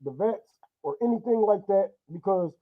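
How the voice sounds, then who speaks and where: A man's voice: high-pitched, lively intonation, moderate pace. A man calling into a live stream, talking heatedly and rambling with many fillers, his voice muffled as if he were talking into a cup. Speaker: caller. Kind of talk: casual live-stream call-in. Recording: muffled phone-like computer mic.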